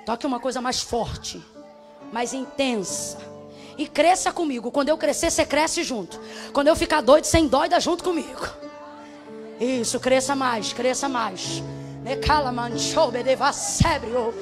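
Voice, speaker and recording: Really high-pitched woman preaching, gets loud and shouty, music soft behind her. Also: lively intonation, normal speed. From Brazil. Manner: fervent, builds to shouting; acts out dialogue in different voices. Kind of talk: sermon.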